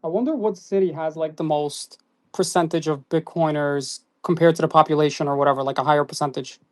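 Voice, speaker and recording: A man's voice: on the high side, steady tone, brisk. A man, chatting casually. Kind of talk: casual chat.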